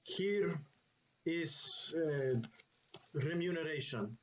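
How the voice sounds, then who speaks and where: A man's voice: a little high, extremely slow, roomy sound. A man playing a pompous, wordy master in a Shakespearean stage comedy, speaking with grandiloquent airs. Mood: grand, magnanimous.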